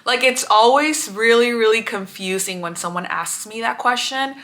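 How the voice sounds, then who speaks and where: 30s woman from mexico doing a chill reflective vlog, bright clear voice, earnest, says literally a lot. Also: on the high side, normal speed. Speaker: vlog host. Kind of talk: reflective self-growth vlog talk.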